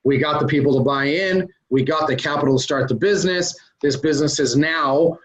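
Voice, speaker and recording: Speaking a little high and a little fast, a real estate investor walks through his business ideas in an interview, conversational and heavy on "um"s and "uh"s as he goes step by step. The recording is dull and lo-fi.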